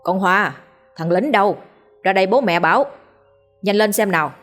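A woman's voice: mid-range voice, moderate pace, a bit bright, faint music behind, lightly acted. Woman doing a grieving, furious village father. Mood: calling. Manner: pleading, raging calls.

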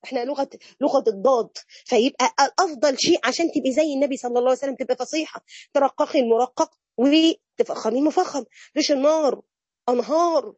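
Egyptian lady teaching a religious class, high voice, dry close sound, chatty and lively. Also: quick pace, husky, dry recording, muffled recording. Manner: lively, mixes classical phrases with colloquial chat. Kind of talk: religious lesson to women.

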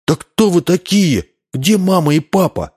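A man voicing a spoiled, demanding little boy who shouts and whines in a storybook reading. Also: high-pitched, very animated, a little slow, slightly rough, voice pushed up, full character voice. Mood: pleading. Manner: shouting, whiny, insistent.

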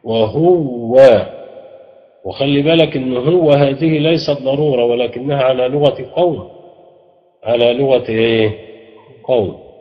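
A man with an Egyptian Arabic accent teaching grammar, reciting verses in a slow chant and quizzing his students with short questions. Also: mid-range voice, fairly even intonation. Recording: echoey room, dull lo-fi sound.

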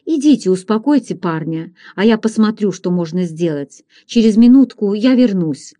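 A woman reading aloud, voicing a gruff, blunt frontier hunter who talks in a low, plain manner. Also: expressive, moderate pace, dark tone, lightly acted.

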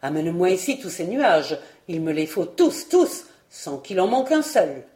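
A woman's voice: lowish voice, big pitch swings, normal speed, mellow, echoey room. A woman voicing a stern, commanding old fairy aunt who scolds and barks orders.

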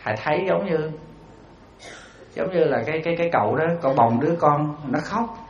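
A man's voice: on the high side, a little fast. A man giving a storytelling dharma talk as a Buddhist monk, putting rhetorical questions to his audience. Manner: animated, acts out quoted voices. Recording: roomy, slightly dull hall recording.

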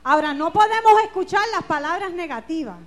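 A woman preaching a fervent church sermon, calling out hallelujahs and shouting scripture. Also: very high-pitched, expressive, brisk. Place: church sanctuary.

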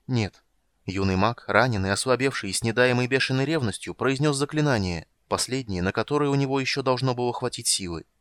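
A man reading an audiobook with steady, measured storytelling. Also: on the low side, dry recording. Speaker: audiobook reader. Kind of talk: scripted narration.

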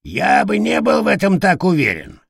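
A creaky, cheeky male parrot who needles everyone with smug jokes, as a male reader puts him on. The voice sits higher than a plain talking voice and grates with a husky edge. It is an audiobook character. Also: wildly swooping pitch, moderate pace, no room sound, clean studio sound, full character voice. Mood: mocking. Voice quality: creaky, grating. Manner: mocking, smug. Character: sarcastic teasing male parrot, raspy and cheeky.

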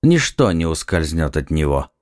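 A man's voice: rumbling low, very animated, moderate pace, a little mellow, no echo, studio quality, pitched below the performer's own voice. A man reading an audiobook, voicing a stern noble musketeer who speaks curtly and reproves his friends. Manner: curt, reproving.

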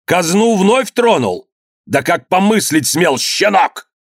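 A man's voice: mid-range voice, lively intonation, measured pace, husky, no room sound. A wrathful, domineering old merchant father, voiced by a man reading a historical novel aloud. He bellows and scolds in archaic, old-fashioned speech. The sound is dry and close. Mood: furious.

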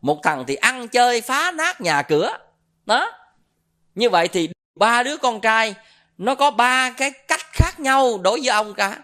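A man's voice: very high voice, sing-song, a little slow, pushed and bright. A middle-aged man with a Southern Vietnamese accent giving a Buddhist dharma talk as a monk, telling stories and quizzing his listeners with questions. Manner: storytelling, quizzes the audience with questions.

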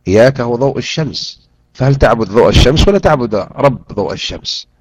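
A man teaching a Quran interpretation lesson, drilling pronunciation and repeating words slowly and deliberately. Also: mid-range voice, expressive, no room sound. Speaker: Islamic teacher. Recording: dull lo-fi recording.

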